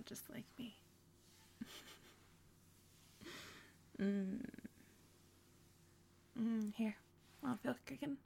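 A young woman in an intimate, whispered roleplay, speaking softly with gentle hums between lines. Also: fairly high pitch, gravelly, husky. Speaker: roleplaying a pregnant wife.

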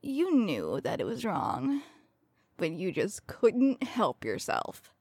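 Woman acting a slow, breathy, tender killer, ASMR role-play. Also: medium pitch, wildly swooping pitch, dry recording, clean studio sound, full character voice. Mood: pitying. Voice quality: breathy, soft. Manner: slow, hushed, soothing, comforting someone resting in her lap. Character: coldly tender female serial killer soothing her victim.

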